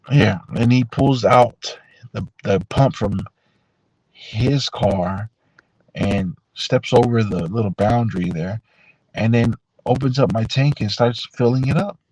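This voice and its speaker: A man telling a personal story on a live stream in a rambling, unhurried way, full of fillers and restarts. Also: mid-range voice, darkish tone, husky, no echo, poor audio.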